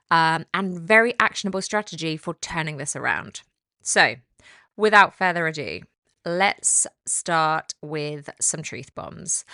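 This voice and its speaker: A woman's voice: on the low side, a bit bright, dry recording, clean studio sound. Chatty British woman podcast host. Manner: chatty, playful and emphatic. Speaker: dog behaviour podcast host. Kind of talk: solo podcast monologue.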